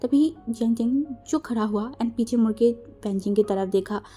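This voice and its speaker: A woman's voice: a little high, normal speed, warm tone, faint music behind. A woman casually reading out fan fiction, chatty and conversational, sprinkling in English words. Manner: conversational, mixing English words, frequent restarts. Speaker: storyteller.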